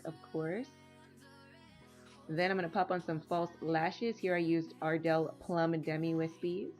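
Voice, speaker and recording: A woman with a nasal, allergy-stuffed voice, chatting her way step by step through a makeup tutorial voice-over. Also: on the low side. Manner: chatty, relaxed step-by-step narration. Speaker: makeup vlogger.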